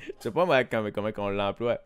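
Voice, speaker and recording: A man's voice: on the low side, a little fast, clean tone, soft background music. A young man with a Québécois accent, chatting casually and teasing his viewers while streaming a quiz game, laughing often. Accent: Québécois French. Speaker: Twitch streamer. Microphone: desk microphone.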